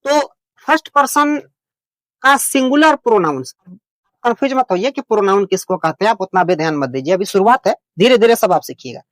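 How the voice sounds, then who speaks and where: Explaining in Hindi, a patient, homely teacher takes beginners through English, repeating each point and reassuring them in plain terms. His voice is high-pitched, animated, brisk and a bit bright, with no echo.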